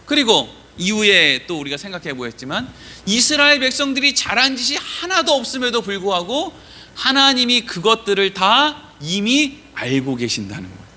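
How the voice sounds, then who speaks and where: A man's voice: sits high, very animated, normal speed, bright, forceful tone. A man preaching a Wednesday evening sermon in a church, chatty and joking, quizzing the listeners. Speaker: pastor.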